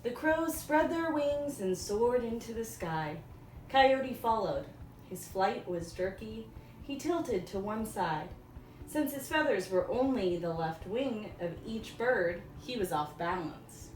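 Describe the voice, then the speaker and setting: A woman teacher reading a storybook aloud for young children, in simple, deliberate phrases. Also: on the high side, lively intonation, darkish tone. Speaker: elementary school teacher. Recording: echoey room, distant mic, faint noise.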